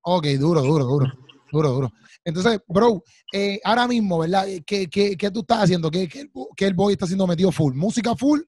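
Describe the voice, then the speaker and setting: A man's voice: high-pitched, animated, fairly quick, a little mellow, slightly rough, dry recording. A man, hosting an interview in an eager, affirming way, repeating his words. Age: 30s. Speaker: host. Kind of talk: casual interview chat. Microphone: studio mic with headphones.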